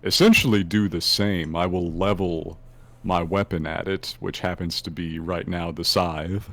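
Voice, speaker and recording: Low, creaky-voiced man playing tabletop games. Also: steady tone, measured pace, a bit bright. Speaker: tabletop game player. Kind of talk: casual game-table chat.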